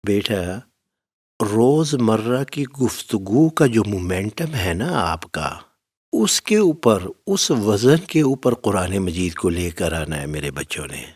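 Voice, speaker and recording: Fatherly low-voiced male recitation teacher. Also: sing-song, darkish tone, distant mic. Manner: fatherly, addresses listeners as "my son"; plain-spoken, gives firm step-by-step instructions. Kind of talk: spoken lesson with recited demonstrations.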